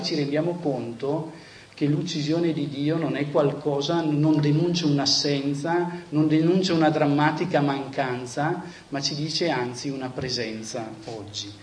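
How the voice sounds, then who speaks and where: A man giving an earnest, reflective talk to a church audience, often restarting phrases and adding little tag questions. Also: fairly high pitch. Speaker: speaker at a church gathering.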